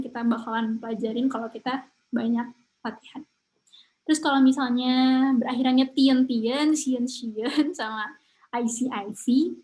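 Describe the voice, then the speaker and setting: A woman's voice: on the high side, low-quality recording. Chatty young woman teaching English. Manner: chatty, mixes English words into Indonesian. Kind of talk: casual online lesson.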